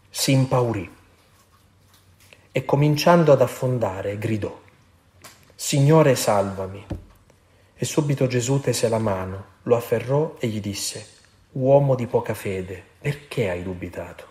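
Male preacher, earnest and emphatic sermon delivery, mellow dark tone. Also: medium pitch, a little slow. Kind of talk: sermon with Gospel reading.

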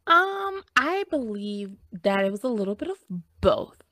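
A woman co-hosting a podcast, talking in a relaxed, playful drawl. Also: fairly high pitch, measured pace, no room sound. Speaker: podcast co-host. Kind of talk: casual movie discussion chat.

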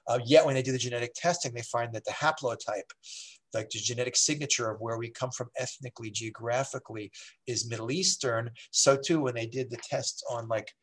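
A man speaking as a rabbi on an interview show talks through history in a loose, digressive manner, his ordinary mid-range voice full of fillers and restarted sentences. He strays into side stories, then finds his way back to the point.

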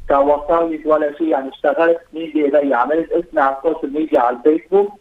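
Fast-talking Lebanese man, thin phone-like sound. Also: fairly high pitch, steady tone. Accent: Lebanese Levantine Arabic. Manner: halting, repeats words, mixes in English words. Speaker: comedian and actor, interview guest. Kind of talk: casual interview talk.

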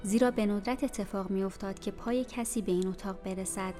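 A woman narrating an audiobook in a measured, literary reading style. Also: mid-range voice, fairly even intonation. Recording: reverberant room with faint music.

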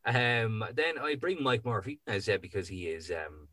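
A man's voice: mid-range voice, big pitch swings, moderate pace, sharp tone, no echo. A man hosting a podcast, chatting casually in a rambling way with plenty of ums. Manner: easygoing, rambling with many ums. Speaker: podcast host. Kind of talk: casual podcast chat and sign-off.

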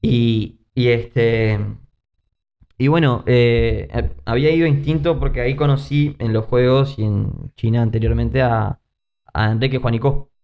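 A Uruguayan man telling lively anecdotes as a podcast guest, acting out other people's lines. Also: medium pitch, measured pace. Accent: Uruguayan Spanish. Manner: animated anecdotes with acted-out quotes, frequent fillers. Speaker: guest, former gymnast. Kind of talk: casual interview storytelling. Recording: muffled lo-fi podcast audio.

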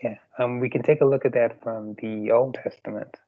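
A man with an Irish accent, a podcast guest speaking haltingly with many fillers in a casual theological discussion over an internet call. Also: medium pitch, fairly even intonation, no echo. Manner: halting, frequent fillers and restarts. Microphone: video call. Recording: tinny internet call line.

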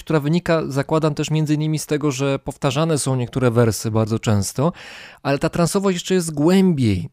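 A man hosting a conversation, asking questions and adding thoughts in a calm, measured way. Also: medium pitch, no echo, studio quality. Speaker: radio host. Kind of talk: conversational interview.

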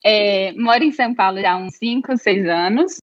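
A woman from Minas Gerais, Brazil, speaks Mineiro Brazilian Portuguese in a mid-range voice at normal speed as a podcast guest in a casual interview. She is friendly, a little nervous and uses many fillers, recorded on a home office setup with dull, dry lo-fi audio and no echo.

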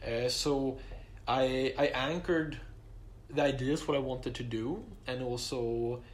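A man answers interview questions about his application in English, his third language. His medium-pitched voice has fairly even intonation, and his measured answers are full of fillers and restarts. The audio quality is poor.

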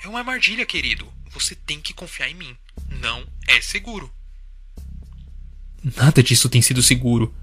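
A man's voice: medium pitch, little pitch movement, fast, hardly any pauses, music in the background, lightly acted. A man voicing a whispering, eerie wife on the phone. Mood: eerie pleading. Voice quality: hushed, breathy whisper.

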